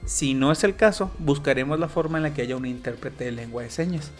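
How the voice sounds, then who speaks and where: A man's voice: a little high, brisk. Mexican man, interview guest, patient explainer, faint music under the voice. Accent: Mexican Spanish. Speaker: sign language interpreter guest. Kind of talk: casual interview talk.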